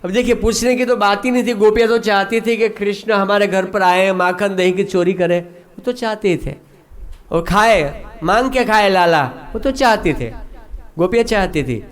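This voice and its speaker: Male preacher, sermon storyteller, high clear voice, animated. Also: normal speed. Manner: animated, acts out characters. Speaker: ISKCON preacher.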